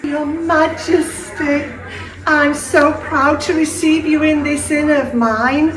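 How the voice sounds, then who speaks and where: A woman's voice: sits high, fairly even intonation, slow pace, slight background noise. A woman playing a fawning, deferential innkeeper in a theatrical pantomime. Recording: echoey room, distant microphone.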